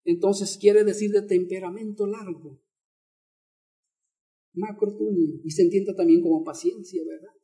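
A man preaches a teaching sermon, stopping to repeat key words and put questions to the congregation. His voice sits high for a man yet sounds mellow and warm rather than bright. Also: steady tone, measured pace, long pauses. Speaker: pastor.

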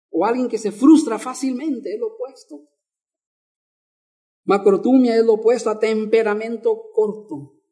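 A man preaches a teaching sermon, stopping to repeat key words and put questions to the congregation. His voice sits high for a man yet sounds mellow and warm rather than bright. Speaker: pastor.

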